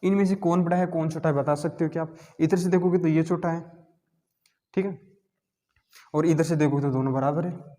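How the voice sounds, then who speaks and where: A man's voice: a little high, fairly even intonation, fairly quick, long pauses, mellow. Man, math teacher, lecturing, asks and answers himself, long hall reverb. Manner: asks and answers his own questions. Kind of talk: classroom lecture.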